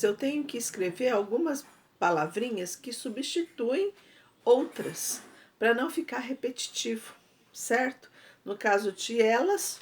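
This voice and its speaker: A Brazilian Portuguese woman teaching a first-grade class, patiently explaining and sounding out syllables. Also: on the high side. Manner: patient, drawn-out syllables, frequent "tá?". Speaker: primary school teacher. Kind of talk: slow explanatory class lesson.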